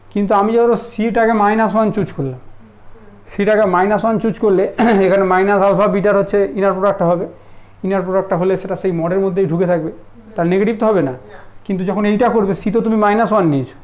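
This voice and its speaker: A man teaching a math lesson in a relaxed classroom style, often asking whether students follow. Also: high-pitched. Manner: conversational, checks understanding often.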